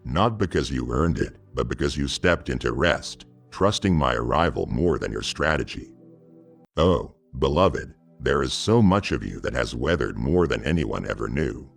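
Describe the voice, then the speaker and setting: A man giving scripted devotional narration in the voice of God, solemn and measured, speaking intimately to the listener. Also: very deep voice, expressive, gravelly, faint music behind.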